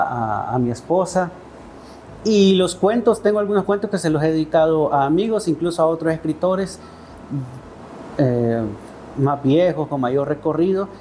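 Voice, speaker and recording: A poet and writer with a Salvadoran accent gives thoughtful, hesitant answers as an interview guest, often closing phrases with questioning tags. His voice is fairly high with a dark tone, and there's slight background noise.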